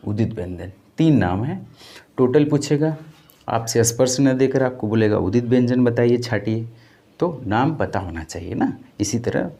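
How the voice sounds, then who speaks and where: A man with a mid-range, warm voice and some vocal fry delivers an exam-prep lecture. He drills by call and answer, repeating key terms and turning them back on his students as questions, and calls his viewers friends.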